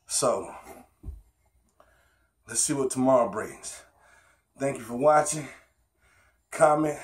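A man in his thirties talking casually to the camera in a fitness challenge vlog, recorded in a bedroom. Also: mid-range voice. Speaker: vlogger, father. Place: small bedroom at home. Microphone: camera on the floor a short distance away.

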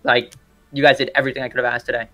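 A young man commanding his regiment over voice chat, repeating orders and swearing, shouting when excited. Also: medium pitch, rapid-fire, soft background music. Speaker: regiment commander leading players. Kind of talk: live voice chat during an online battle game.

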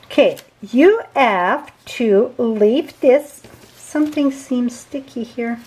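A woman with a French accent walks through a card-making project at her craft table. She talks slowly and casually, with a fairly high voice. She stops to correct small slips along the way. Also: darkish tone, rough recording. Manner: chatty, unscripted, with small grammar slips and self-corrections. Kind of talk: craft tutorial demonstration.

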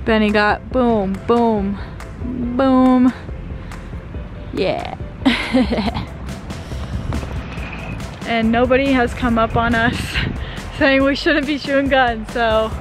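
A woman's voice: on the high side, steady tone, very slow, long pauses. A young woman vlogging at a forest campsite, chatting casually with laughs and light swearing. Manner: giggly, laid-back, swears casually. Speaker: van-life vlogger. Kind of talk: casual vlog chat. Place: outdoors at a forest campsite by a van. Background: music.

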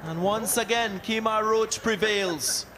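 Excited high-voiced male cricket commentator. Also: slow. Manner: excited calls over wickets. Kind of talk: live sports commentary. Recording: loud music and crowd noise behind.

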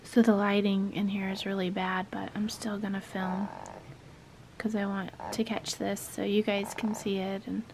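A woman in her thirties gives casual vlog narration with a flat, mid-range voice at a moderate pace, keeping things soft and often whispering. She's filming in a wooden barn at night and a farmhouse kitchen, with background noise present.

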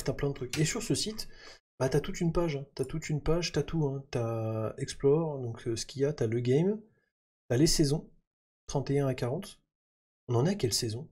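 A man's voice: medium pitch, darkish tone, slightly rough. A man chatting casually through gameplay, thinking aloud with lots of fillers. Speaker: gaming YouTuber.

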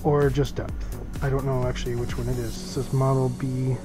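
A man's voice: mid-range voice, level tone, fairly quick, over music. Rambling man unboxing gear on camera. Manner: rambling, thinks aloud with many fillers. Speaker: boating vlogger. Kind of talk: casual unboxing talk. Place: small office. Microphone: head-mounted camera.

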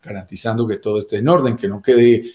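A man's voice: fairly low pitch, fairly even intonation, quick pace, mellow. A middle-aged man giving an explanatory talk on a live video in a didactic way, repeating key phrases and posing rhetorical questions. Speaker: property business presenter. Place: small room or home office, indoors.

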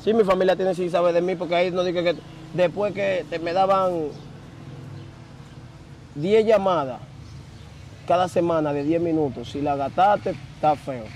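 Animated man telling his story. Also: high voice, moderate pace, long pauses, slight background noise. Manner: animated, slangy, repeats filler words. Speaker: interview guest. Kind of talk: casual storytelling.

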